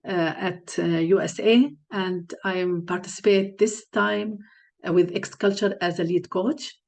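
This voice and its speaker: A woman's voice: fairly low pitch, steady tone, a little slow, vocal fry, a little mellow. A woman from Palestine hosting an online webinar on a video call, speaking with frequent fillers and restarts. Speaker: webinar host and lead coach.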